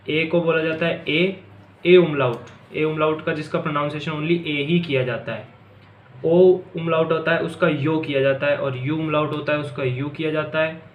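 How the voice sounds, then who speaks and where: A man's voice: medium pitch, slight background noise. A man teaching a language lesson to students, patient and repetitive, stretching out key words. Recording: echoey room with faint ambience.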